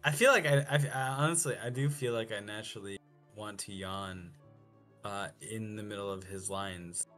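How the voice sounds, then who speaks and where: A man, a voice actor, talking casually in a hesitant, soft-spoken way. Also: lowish voice, normal speed, faint music behind. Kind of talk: casual chat.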